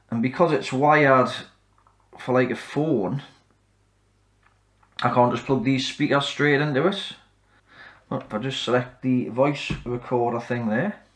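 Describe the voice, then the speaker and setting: A man hosting a repair channel, calmly walking through a fix in a casual, matter-of-fact way and counting off mic checks. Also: mid-range voice.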